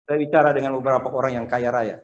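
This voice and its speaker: A man preaching a Sunday sermon in a conversational, animated way, acting out the people he quotes. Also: medium pitch, quick pace, roomy sound, lo-fi sound. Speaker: pastor. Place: church service streamed over video call.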